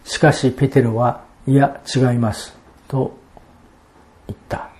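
A male pastor delivering a sermon in a steady, explanatory manner. He reads scripture passages aloud and then unpacks them. His voice has a soft, mellow warmth at an ordinary pitch. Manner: measured expository preaching, reading out Bible verses.

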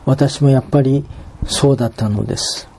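A man's voice: mid-range voice, moderate pace, warm tone, slightly rough. A man reading as a humble, repentant old sinner. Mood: pleading. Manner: humble, earnest pleading in polite speech. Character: repentant old male sinner pleading at heaven's gate.

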